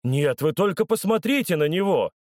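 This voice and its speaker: A loud, excitable old fan with a cane, as a male narrator puts him on. He exclaims and tells the tale with a voice raised in pitch and full of swings. The recording is close and dry, with no room sound. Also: moderate pace, no room sound. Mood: excited. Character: stout older man with a cane, excitable sports fan.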